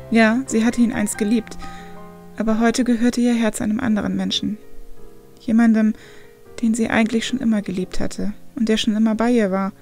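A woman reading a story aloud in a calm, measured narrating voice. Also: a little high. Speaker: audiobook reader.

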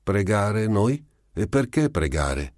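A man voicing a calm, pure Martian visitor who asks questions with the patience of a teacher, in an audiobook story. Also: fairly low pitch, moderate pace, dry recording, studio quality, pitched above the performer's own voice, lightly acted. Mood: puzzled.

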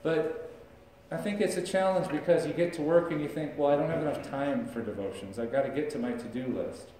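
A middle-aged man preaching as pastor speaks briskly in a mellow, somewhat high voice, keeping a conversational manner and gesturing. The large church sanctuary is recorded from afar by a camera with no visible mic, so it sounds echoey with a touch of hiss or hum.

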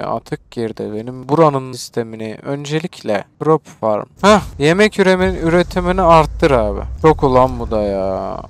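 A man's voice: mid-range voice, clean tone. A young man with a Turkish accent giving casual, chatty gameplay commentary, talking to his viewers and the game's people, swearing and exclaiming as he plays. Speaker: gaming YouTuber.

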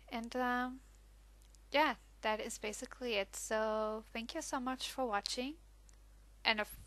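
A woman narrates her crafting video in a relaxed, conversational voice-over, pausing on little ums as she goes. Her tone is bright and forward but her pitch stays fairly flat. The recording is close and dry, with no room sound. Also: no room sound. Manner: relaxed and chatty, with frequent ums and small restarts. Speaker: scrapbooking channel host.

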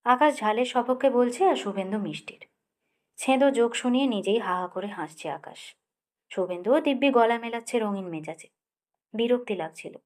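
Audiobook narrator, woman, fairly high voice, measured and expressive. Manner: measured, expressive first-person reading.

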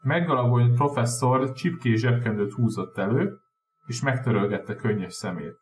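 Brief: male audiobook narrator, mid pitch, roomy echo, faint hum behind. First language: Hungarian. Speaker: audiobook reader.

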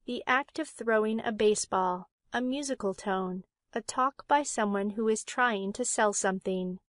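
A woman reading vocabulary words and example sentences slowly and plainly. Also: mid-range voice, no room sound, clean studio sound. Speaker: vocabulary lesson reader. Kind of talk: slow read example sentences.

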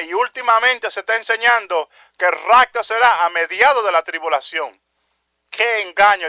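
A man delivers a fervent evangelical sermon in a high, bright voice. He keeps circling back to exclamations of praise and calls his listeners brothers. The recording is dry and close, with no room sound. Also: no room sound. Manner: peppers speech with "aleluya" and "santo Dios", addresses "mi hermano"; impassioned, repetitive preaching cadence. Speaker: preacher.

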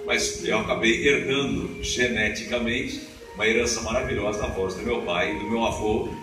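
A man in his fifties with a booming, resonant voice, giving an animated live motivational lecture with chatty asides. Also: moderate pace. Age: 50s. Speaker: motivational speaker. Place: lecture hall of a spiritist association. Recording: echoey hall from far off, music behind.

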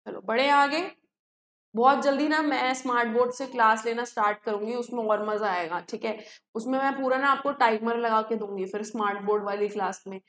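A woman's voice: fairly high pitch, a little fast, a bit bright, echoey room. A woman with an Indian accent teaching a live online English class, chatty and encouraging, calling students beta. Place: home.

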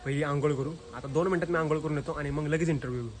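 A man's voice: fairly high pitch, steady tone, racing, slight background noise. A man vlogging casually at a family home, playfully coaxing the children to talk. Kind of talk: casual home vlog chat.

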